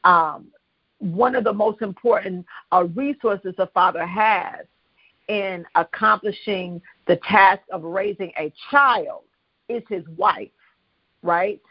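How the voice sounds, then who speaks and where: Over a phone line, a woman pastor with a strong, husky voice preaches to callers on a live prayer line, calling for their responses in a preachy call-and-response style. She speaks slowly at a medium pitch, and the recording is dry with the highs cut off.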